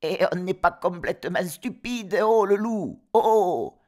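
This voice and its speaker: A man's voice: sits high, level tone, slow, fairly bright tone, pitched above the performer's own voice. A man voicing a group of defiant young goat kids who mock and scold in slangy back-talk.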